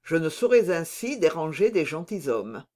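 A man's voice: fairly high pitch, big pitch swings, moderate pace, a little mellow. A man reading aloud and voicing a courteous, composed noble musketeer. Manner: polite, composed. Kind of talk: audiobook reading.

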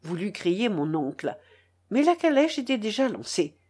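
Expressive woman reading a novel aloud. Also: medium pitch, normal speed, breathy edge. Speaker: audiobook reader. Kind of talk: literary narration.

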